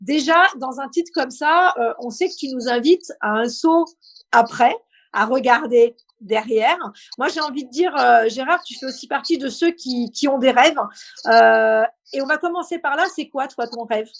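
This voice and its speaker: A woman with a high-pitched voice hosts a live interview. She speaks informally, setting up questions and addressing her guest in a familiar way. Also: moderate pace. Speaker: interview host. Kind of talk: live online interview, quiz-style questions then conversation.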